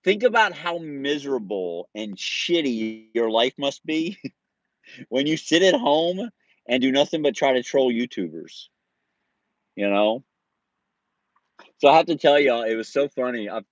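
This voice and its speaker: A man in his forties tells a story to his viewers in a relaxed, joking way, with mild swearing and laughter. His voice sits at an ordinary middle pitch. The audio is dull and lo-fi, and it sounds dry and close. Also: a little slow, dry recording. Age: 40s. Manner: laid-back, swears freely, laughs through his story. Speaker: streamer.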